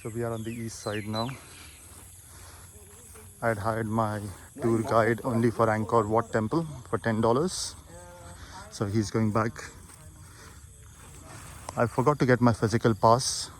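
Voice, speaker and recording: A man's voice: lowish voice, steady tone, measured pace, pauses often. A man giving casual travel vlog narration as he tours a site. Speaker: travel vlogger. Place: at a large temple site. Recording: clear background noise, outdoor ambience.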